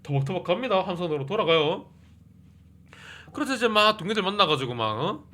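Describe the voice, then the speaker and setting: Recap YouTuber, man, a bit high, very lively pitch, casual comic retelling with constant "eh?" tags. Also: a little fast, a little hiss or hum. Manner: constant "eh?" and "hm?" interjections; acts out characters' lines.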